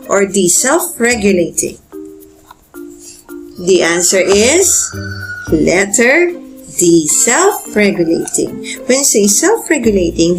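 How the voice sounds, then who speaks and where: A woman teacher works through exam review items, reading every choice and then explaining the answer. Her pitch rises and falls a lot as she questions the listener. Soft guitar music plays quietly behind her. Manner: asks the listener questions before giving answers.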